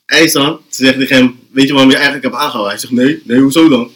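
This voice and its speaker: A young man, telling an animated, slang-heavy story on a casual podcast and often laughing. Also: medium pitch, rapid-fire. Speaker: podcast host.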